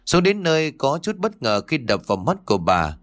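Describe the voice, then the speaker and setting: A man's voice: medium pitch, wildly swooping pitch, normal speed, fairly bright tone, faint music behind. A man reading a serialized story aloud as audiobook narrator, voicing each character himself with shifts in tone. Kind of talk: scripted story narration with voiced dialogue.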